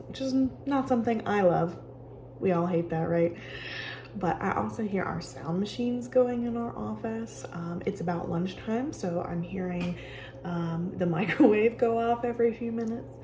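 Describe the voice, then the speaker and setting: A woman giving casual, conversational instruction as she guides a calming exercise with personal examples. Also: fairly low pitch, slight background noise. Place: office with sound machines nearby.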